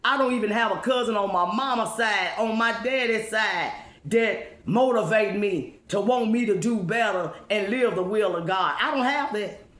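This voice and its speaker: A woman's voice: medium pitch, normal speed, fairly bright tone. A woman giving an informal motivational testimony, speaking emphatically and repeating herself with rhetorical questions. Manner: emphatic, repetitive, with rhetorical questions and check-ins. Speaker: spiritual speaker addressing followers. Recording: echoey room.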